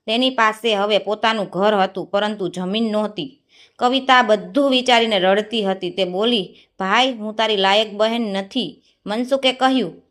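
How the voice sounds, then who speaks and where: A woman reading an emotional village story aloud, gently voicing every part herself. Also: on the high side. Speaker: narrator. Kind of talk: storybook narration.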